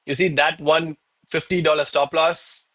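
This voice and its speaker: A man's voice: fairly high pitch, level tone, a little slow, bright, forceful tone. A man livestreaming casual commentary to his chat as a trading streamer, with an informal, bro-heavy gym-bro way of talking. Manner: bro-heavy, hyped gym-bro style talk; informal, addresses viewers as bro, man, guys.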